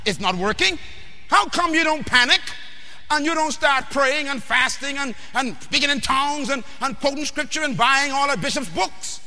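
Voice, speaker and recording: High, bright preacher shouting. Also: male voice, expressive, moderate pace. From Bahamas. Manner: emphatic, questioning the audience, often shouting. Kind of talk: sermon. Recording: long hall reverb.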